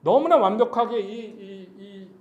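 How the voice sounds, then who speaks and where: A man giving a guest sermon as a missionary, telling the story in a lively way and acting out the voices in it. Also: sits high, unhurried, echoey room, muffled recording. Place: church.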